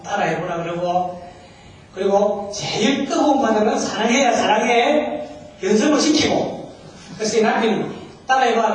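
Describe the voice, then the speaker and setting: A man's voice: high voice, a little hiss or hum. A man preaching a humorous sermon as a pastor, joking and leading the congregation in call-and-response. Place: church sanctuary. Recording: far-off mic, very echoey hall.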